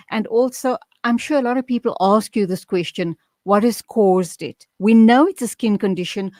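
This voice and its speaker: A woman hosting a radio interview, asking questions in a calm, measured way. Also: medium pitch, dry recording, clean studio sound. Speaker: radio host.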